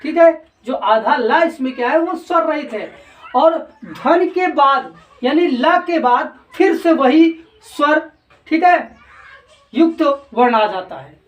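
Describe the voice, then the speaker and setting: A high-voiced woman teaches a grammar lesson at an unhurried pace. She keeps posing a question and answering it herself. Her voice sits back from the mic in an echoey room. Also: animated, recorded from a distance, muffled recording. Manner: slow, repetitive, keeps asking and answering her own questions.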